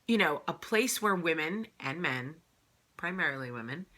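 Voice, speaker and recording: Talking straight into the camera on her vlog, this woman sounds earnest and stresses her points, often repeating herself and filling gaps with "um." Her low-pitched voice is animated, bright, and forceful, delivered at a moderate pace.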